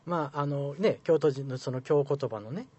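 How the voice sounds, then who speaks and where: A man from Osaka, a radio guest explaining in a measured, polite way. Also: fairly high pitch, darkish tone, slightly rough, no room sound, lo-fi sound.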